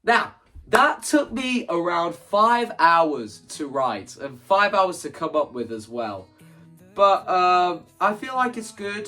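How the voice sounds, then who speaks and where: This man's voice runs on the high side with a fairly bright tone. Presenting his own stage play in a casual explanatory vlog, he enthusiastically lays out his creative ideas, stressing points emphatically and often through repeated phrases.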